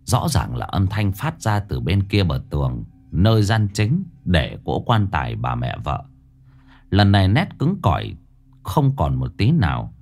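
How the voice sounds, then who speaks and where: A man's voice: low voice, huge pitch swings, unhurried, gravelly, darkish tone. Man telling a horror story dramatically. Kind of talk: scripted horror story narration. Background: faint background music.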